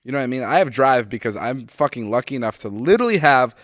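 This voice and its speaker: A man's voice: medium pitch, lively intonation, quick pace, a bit bright, dry recording, clean studio sound. A man in his twenties co-hosting a podcast, rambling through stories in casual chat, full of "like" and swearing. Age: 20s. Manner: rambling storyteller, lots of "like" and swearing. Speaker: podcast co-host.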